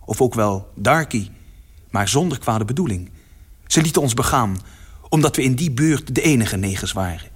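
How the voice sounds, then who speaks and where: A man reading a first-person literary story aloud as narrator, with dramatic delivery that swells in its louder passages. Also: mid-range voice.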